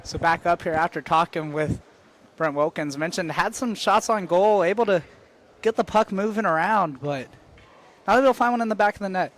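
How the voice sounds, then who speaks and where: A man's voice: high voice, moderate pace, a bit bright, slight background noise. A man calling live play-by-play for an amateur hockey game, matter-of-fact as he follows the action. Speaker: play-by-play commentator.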